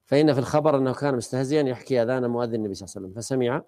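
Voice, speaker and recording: Fast-talking man teaching a class. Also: medium pitch, steady tone, dark tone. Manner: conversational, quizzes the class. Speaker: teacher of a study circle. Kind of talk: explaining a classical text to students.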